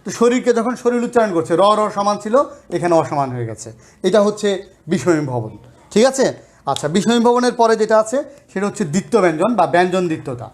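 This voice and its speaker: A man with a high, light voice teaches a grammar lesson. He explains patiently, step by step, and keeps asking his students rhetorical questions. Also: sing-song, quick pace, darkish tone. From Bangladesh. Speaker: college lecturer.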